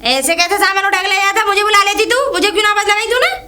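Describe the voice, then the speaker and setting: A woman acting a bossy elder sister of the house who gives brisk orders in a comic sketch. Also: very high voice, bright, forceful tone. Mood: angry. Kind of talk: rustic comedy sketch acting.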